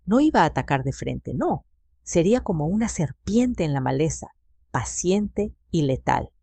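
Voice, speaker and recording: A woman's voice: deep voice, very animated, moderate pace, vocal fry, mellow, husky, no echo. A woman narrating a dramatic first-person story with an emotional, storytelling manner.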